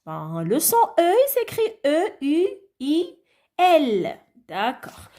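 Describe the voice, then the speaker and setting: A woman teaches children a phonics lesson at a very slow, careful pace, stretching out each word and sound. Her voice sits a little high and swings widely in pitch, with coaxing questions that keep checking the children follow. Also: wildly swooping pitch, warm tone. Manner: slow, drawn-out word and letter pronunciation; coaxing, frequent checks like "d'accord?".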